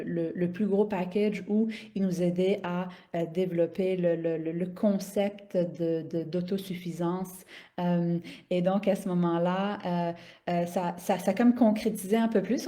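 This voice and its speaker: A woman with a medium-pitched, dark voice, a health coach and business owner, hosts a live stream. Raised in the Middle East (Saudi Arabia, Dubai) in a Syrian-Canadian family, she tells personal stories spontaneously and casually. She often hesitates and repeats small words while searching for the next one.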